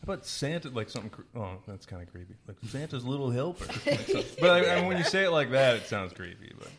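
A man co-hosting a podcast, chatting casually with quick jokes and asides. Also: mid-range voice, very animated, a crowd in the background. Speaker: podcast co-host. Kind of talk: casual chat.

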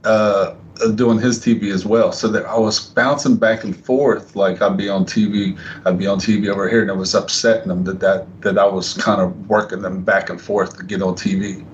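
A man's voice: lowish voice, level tone, normal speed. A man as a podcast guest, telling stories in a casual, rambling way with many fillers and restarts. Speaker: guest wrestler. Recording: slightly dull lo-fi audio with faint noise.

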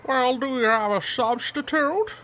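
A man's voice: extremely high pitch, animated, a little slow, a bit bright, slight background noise, voice pushed up, exaggerated voice, low-quality recording. A man voicing a frail, polite very old man who attends a temple, in a tabletop role-playing game. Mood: obliging. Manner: very old man, eager and obliging.

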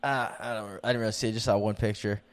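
A man's voice: lowish voice, fairly even intonation, fast talker. A young man co-hosting a casual podcast, joking around and laughing often. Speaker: podcast co-host. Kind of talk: casual chat.

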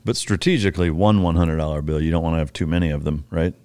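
A man's voice: extremely low pitch, fast, darkish tone, smooth, no room sound, studio quality. A male podcast host asking questions in a casual interview, agreeing often and swearing casually.

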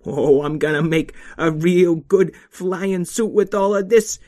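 A man voicing a scrappy young male weasel, a cheeky schemer who talks fast and fumbles with fillers. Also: sits high, a little mellow, pitched above the performer's own voice. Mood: eager.

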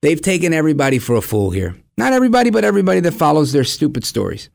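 A man's voice: fairly high pitch, very animated, racing, gravelly, darkish tone. A man gives opinionated, conversational commentary as a program host, acting out imagined dialogue and posing rhetorical questions. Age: 40s.

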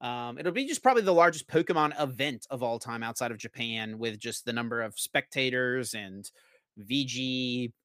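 Male podcast co-host, mid pitch, animated casual chat, dry close mic. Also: dry recording. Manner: animated, quick to laugh, shifts from loud to low.

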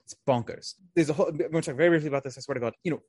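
A man's voice: on the high side, very fast, darkish tone, husky, no echo. A man who was raised partly in America and partly overseas, talking as a guest in a casual interview. He rambles, restarts his sentences often and swears freely.

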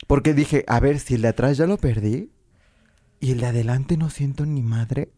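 A woman with a Mexican Spanish accent, a podcast guest telling candid stories in a lively way, laughing often and acting out her own past words. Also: a bass voice, normal speed, dry recording, clean studio sound. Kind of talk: frank candid storytelling.

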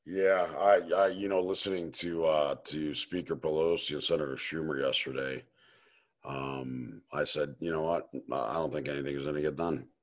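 A man's voice: extremely low pitch, steady tone, moderate pace. A man from Maryland hosting a casual interview, rambling with lots of fillers and restarts. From Maryland, USA. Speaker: host.

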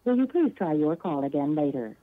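A woman's voice: sits low, very animated, a little fast. A woman reading a polite scripted announcement, heard as a recorded payphone line message. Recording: tinny old phone line recording.

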